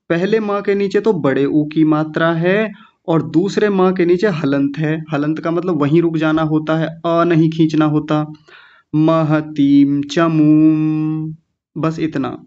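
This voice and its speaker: A man teaching Sanskrit recitation in an online class, patiently drilling each syllable slowly and repeating words. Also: a little high, darkish tone. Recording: dull lo-fi online class audio.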